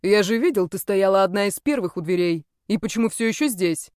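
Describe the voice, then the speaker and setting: A woman's voice: mid-range voice, lively intonation, fairly quick, darkish tone, smooth, no echo, natural voice. Concerned young man, voiced by a woman, insistent, close dry storybook read. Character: young man, worried friend.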